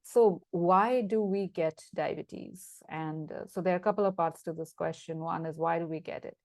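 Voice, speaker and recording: A woman's voice: on the low side, fairly even intonation, normal speed, darkish tone, no room sound. A woman hosting a conversational interview, chatty and thinking aloud as she asks questions. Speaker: podcast host.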